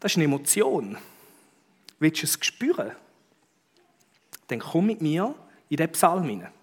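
Man, Swiss German accent, middle-aged, sermon, conversational preaching, emphatic interjections, very expressive pitch. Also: a little slow, breathy edge. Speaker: pastor.

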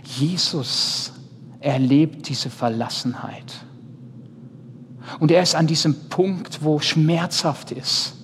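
A man in his thirties, a pastor, preaching a sermon earnestly, speaking straight to his listeners and shifting between loud and soft. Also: fairly high pitch, slow pace, slight background noise. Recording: reverberant hall, faint ambience.

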